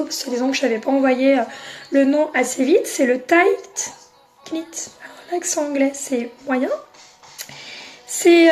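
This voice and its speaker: Casting: high-pitched woman, chatty live-stream makeup seller, faint music under her. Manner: chatty, talks straight to viewers by name. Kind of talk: casual live selling chat, answering comments.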